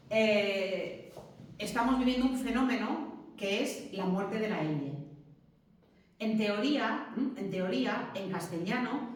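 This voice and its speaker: A woman teacher giving a classroom lecture, explaining step by step and checking in with "¿mm?" and "¿sí?". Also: medium pitch. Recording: very echoey classroom, mic far off.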